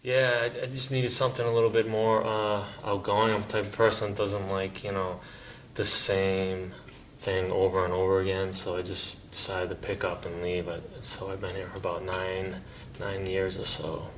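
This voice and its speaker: Blunt, flat-voiced deep man. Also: normal speed, a little hiss or hum. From Massachusetts. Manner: blunt, casual. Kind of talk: interview answer.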